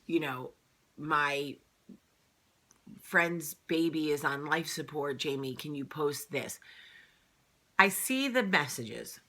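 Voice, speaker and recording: With a low-sitting voice that is bright and forceful, this vlog host talks slowly and pauses often, though her intonation stays lively. Her direct-to-camera chat is casual and earnest, full of emphasis, repeated phrases, and frequent "um"s.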